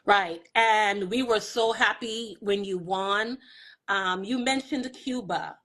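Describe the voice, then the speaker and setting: Husky-voiced woman hosting a live interview. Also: medium pitch, slow pace. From Bahamas. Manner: warm, affirming, encouraging. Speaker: host. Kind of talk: live video-call interview. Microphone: video call.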